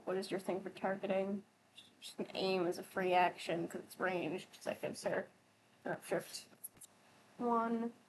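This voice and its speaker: A woman running a tabletop game, talking casually and breaking into laughter often. Her pitch sits in a middle range for a woman. A faint noise hums under her voice. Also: steady tone, unhurried. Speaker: game master.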